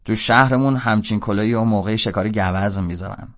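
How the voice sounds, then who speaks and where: A man's voice: on the low side, a bit bright, dull audio, natural voice. A man voicing a nosy, crude teenage boy who fires off blunt, nagging questions in a somewhat raised voice.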